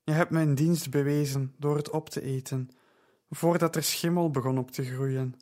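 A man voicing a tired, kind-hearted woman with a dry, gentle, plain-spoken manner in an audiobook. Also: fairly high pitch, steady tone, moderate pace, natural voice. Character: weary, kind-hearted middle-aged woman host.

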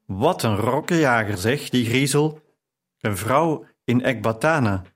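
A man's voice: medium pitch, lively intonation, a little slow. Man reading a cheeky young maid, teasing, narrator's own voice, audiobook.

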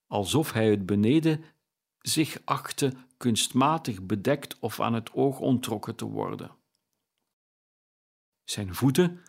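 A man reading a classic story aloud as an audiobook narrator, measured and deliberate. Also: on the low side, creaky.

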